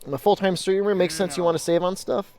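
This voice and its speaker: A man's voice: sits high, fairly even intonation, fast talker, darkish tone. A man talking casually and informally as a live game streamer, answering questions in a laid-back way. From Mexico or of Mexican descent. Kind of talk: casual gaming stream commentary, answering chat.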